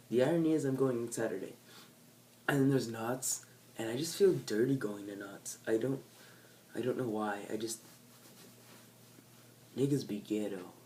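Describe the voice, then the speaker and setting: A teenage vlogger from California with a nasal, mid-range voice and a darkish tone chats to camera in a laid-back, unplanned way, rambling and correcting himself. He speaks unhurriedly and pauses often. He's set back from the mic, so there's faint background ambience and a little hiss or hum.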